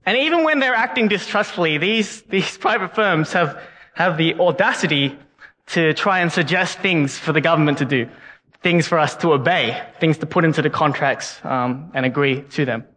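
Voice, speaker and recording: A young guest speaker preaches a sermon in a church hall with long reverb, earnest and often repeating words. His voice is on the high side and sharp, at a moderate pace, with an unplaced non-Canadian English accent.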